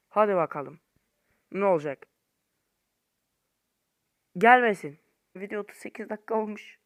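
With a smooth voice, this young man provides informal, slangy commentary on his gameplay for viewers as a gaming YouTuber. He alternates between muttering quietly and shouting in frustration.

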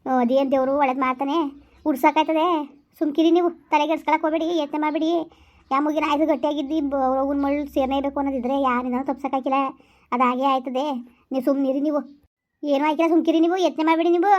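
A woman's voice: sits high, fairly even intonation, racing, darkish tone, close to an everyday voice. A woman playing a grieving village woman who laments and scolds while consoling her family in a rural family drama.

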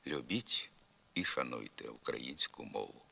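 A man giving scripted educational narration as a pronunciation instructor, enunciating each example word slowly and carefully. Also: very deep voice, expressive, vocal fry, bright, forceful tone.

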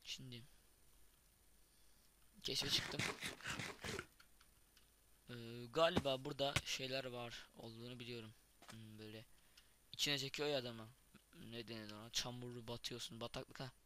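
A young man giving casual, excitable commentary while playing a block-building game, thinking aloud and exclaiming at each thing he finds. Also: medium pitch, normal speed, long pauses, very noisy. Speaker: gaming YouTuber. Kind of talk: casual Minecraft let's play commentary.

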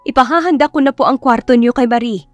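Woman doing an excitable older housekeeper. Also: high-pitched, fast talker, no echo, highs cut off, faint music behind, close to an everyday voice. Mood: excited. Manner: excited, stammering.

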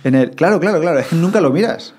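A man's voice: a little high, husky. A man with a Spain Spanish accent, talking casually as a podcast guest and acting out his own thoughts. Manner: fast, animated, acts out inner thoughts in quotes.

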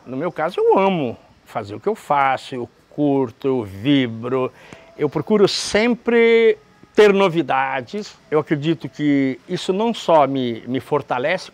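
A Brazilian man, a restaurant owner in his fifties, answering interview questions in a halting way with many restarts, recorded indoors in a large restaurant. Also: fairly high pitch. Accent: Brazilian Portuguese. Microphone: camera close framing, seated.

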